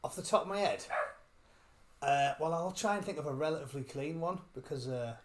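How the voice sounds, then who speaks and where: A man's voice: a little high, animated, fairly quick. A man chatting as an interview guest, talkative and cheerfully foul-mouthed. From England. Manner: chatty, swearing, self-described gobshite. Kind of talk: casual interview chat.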